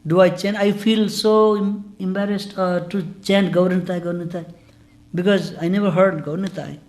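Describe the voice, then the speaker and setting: A man with a rather high voice gives a scripture class. He speaks in an earnest, informal way, and his English grammar is loose. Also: fairly even intonation, normal speed, a little mellow. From Nepal. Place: temple hall.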